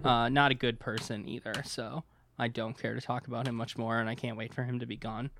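A man's voice: mid-range voice, little pitch movement, a little fast, gravelly, a bit bright, a little hiss or hum. A man hosting a casual sports podcast, talking bluntly and sarcastically and swearing freely. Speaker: podcast host.

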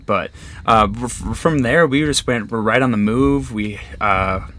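A man's voice: mid-range voice, a little slow, a bit bright, slight background noise. A man hosting a podcast, chatting eagerly and laughing as he retells a day out. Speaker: podcast host. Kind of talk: casual chat.

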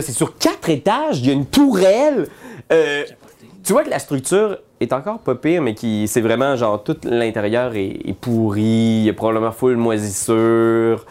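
Casual Quebec French game master. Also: male voice, mid-range voice, a little mellow. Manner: casual, full of fillers. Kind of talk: narrating a tabletop game.

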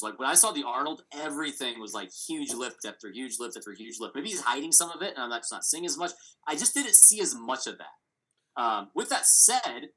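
Man, podcast co-host, casual sports chat, bright forceful tone, rambling analysis. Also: medium pitch, poor audio. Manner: thinks aloud, rambling analysis.

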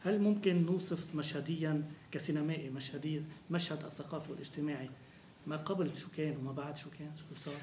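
Levantine arabic guy doing interview questions, talks quick, echoey room with a bit of noise. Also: a little high, darkish tone. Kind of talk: film discussion questioning.

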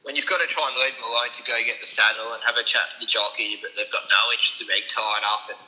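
An Australian man answers interview questions casually, in a strikingly bright, sharp voice. His pitch sits in the middle for a man. His way of talking is informal and understated, that of a working strapper. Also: fairly even intonation, fast talker, low-quality recording. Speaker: racehorse strapper, interview guest.

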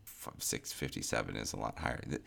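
A very deep-voiced man with a gravelly edge talks fantasy baseball in a casual chat. He is dry and deadpan, trading quips and listing off stat lines. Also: fairly quick. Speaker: fantasy baseball podcast co-host.

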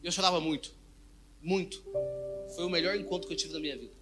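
A man's voice: fairly high pitch, fast talker, over music. A young man preaching a testimony sermon, repeating phrases and quizzing the congregation. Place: church hall, indoors.

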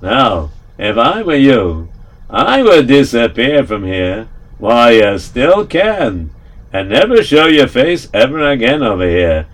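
A storyteller doing a shrewd old rabbi, calm and deliberate in a steady, mid-pitched voice that sounds like the teller's own. he drops Yiddish words here and there and takes his time. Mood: stern.

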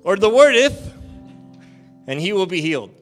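A male pastor doing a comic voice of a pompous male elder who recites in mock old-fashioned English, shrill and theatrical. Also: very animated, normal speed, faint music behind. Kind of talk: comic sermon impression.

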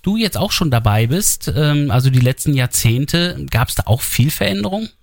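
A man's voice: on the high side, very animated, normal speed, dry recording. Chatty male radio host, dry studio. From northern Germany. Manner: chatty, filler-heavy questions. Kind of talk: radio talk interview. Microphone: studio microphone.

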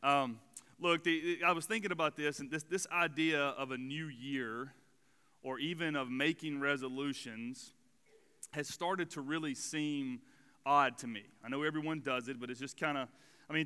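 A man in his forties preaches a sermon in a bright, ringing voice that stays smooth and clear. He talks to the room in a relaxed, chatty way, with plenty of fillers. The church hall lends his voice a long reverb. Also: mid-range voice. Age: 40s. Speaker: student pastor. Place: church sanctuary.

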